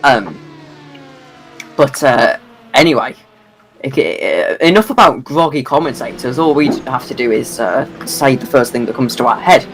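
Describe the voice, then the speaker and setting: A man's voice: medium pitch, animated, normal speed, a bit bright, soft background music, poor audio. Groggy guy doing sim race commentary, voice jumps around a lot, rambly. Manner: tired, rambling, self-deprecating. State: sleep-deprived.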